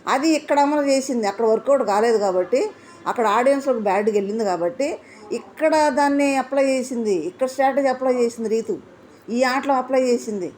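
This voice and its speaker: A woman with a somewhat high voice delivers an opinionated reality show review. She speaks with indignation and throws out one rhetorical question after another. She hammers her points home by repeating them. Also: fairly quick, a little mellow, slight background noise.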